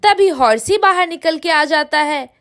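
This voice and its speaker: A woman narrates a children's cartoon story in short, plain lines that set each scene. Her voice is very high. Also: expressive, unhurried, background noise. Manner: plain, brief scene-setting.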